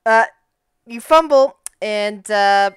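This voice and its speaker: A woman's voice: mid-range voice, takes it slowly, smooth, no echo. A woman narrating a casual tabletop game as game master.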